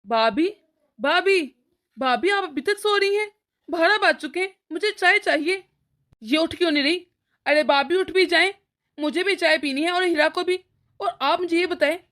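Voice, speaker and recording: A woman's voice: extremely high pitch, normal speed, fairly bright tone. A woman voicing an irritable elder son in a cartoon story, complaining and arguing. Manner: complaining, argumentative.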